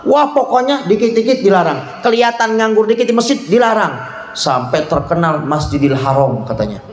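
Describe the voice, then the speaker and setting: A man preaching a lively sermon, acting out the people in his stories and mixing in phrases. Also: sits high, normal speed. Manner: animated, mimics characters in voiced asides, mixes in Javanese phrases. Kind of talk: sermon with storytelling. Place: event hall at a school celebration. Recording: roomy echo of a hall.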